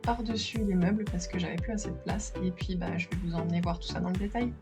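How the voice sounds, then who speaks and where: A woman giving a casual, enthusiastic home vlog tour of her bookshelves in her living room, filming with a handheld camera and pausing with fillers as she talks. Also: lowish voice. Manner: chatty, enthusiastic, filmed while handheld, with filler pauses. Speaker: manga collector vlogger. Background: background music.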